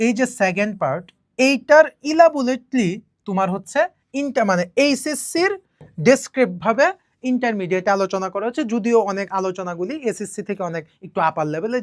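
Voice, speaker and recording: A woman chemistry teacher with a Bangladeshi Bengali accent, giving an exam-prep lesson slowly and deliberately, often repeating herself and checking in with students. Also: mid-range voice, expressive, no room sound, clean studio sound.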